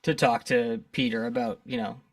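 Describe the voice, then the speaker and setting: A man's voice: medium pitch, fairly even intonation, moderate pace. A man guesting on a podcast, talking through a film in casual, opinionated and teasing chat. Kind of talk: casual movie discussion. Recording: dry sound from a distant mic.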